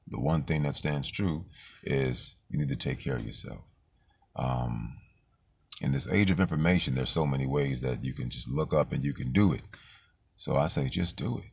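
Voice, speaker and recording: A man talking casually in a loose, slangy monologue, his voice deepened and roughened by the flu. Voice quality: very deep, gravelly voice. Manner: loose, street-slang talk with frequent fillers and swearing. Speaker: vlogger.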